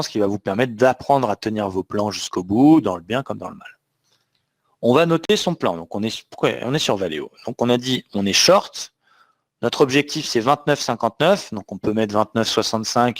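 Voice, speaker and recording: A man's voice: fairly low pitch, lively intonation, fairly quick. A man teaching a live online trading webinar, talking emphatically and often checking that the audience understands. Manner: emphatic, asks the audience questions. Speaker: trading trainer.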